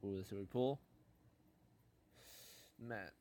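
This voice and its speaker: A man's voice: lowish voice, slow, mellow. A young man hosting a gaming channel, opening card packs in casual commentary and muttering dejected complaints about his pulls.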